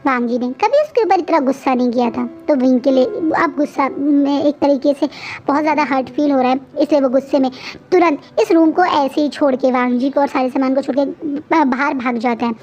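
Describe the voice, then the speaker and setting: A woman's voice: high voice, a little fast, darkish tone, lo-fi sound, soft background music. A woman casually retelling a fan fiction story, chatty and restarting her sentences often. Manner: chatty, frequent restarts and fillers.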